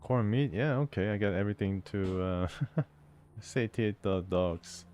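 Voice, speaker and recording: A man commenting casually on a role-playing game as he plays, reading the game's text aloud and thinking out loud with an amused, chatty manner. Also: on the low side, a little slow, slight background noise. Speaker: gameplay host.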